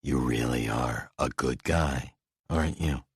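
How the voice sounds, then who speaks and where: A man voicing a gruff, reclusive male falconer who speaks bluntly and low in an audiobook. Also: unhurried, no echo, clean studio sound, heavily acted. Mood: earnest.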